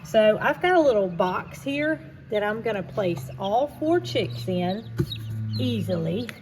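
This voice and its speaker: A woman's voice: mid-range voice, expressive, a little slow. A woman giving a casual, folksy farm vlog, talking straight to viewers inside an echoing barn. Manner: folksy, addresses viewers directly. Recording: echoey barn, clear background noise, birds.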